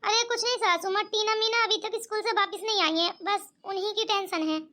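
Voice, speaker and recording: A woman's voice: very high-pitched, steady tone, a little fast, pushed and bright. A woman voicing an anxious, meek young mother in a cartoon comedy, pleading and fretting. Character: worried meek young mother, elder daughter-in-law.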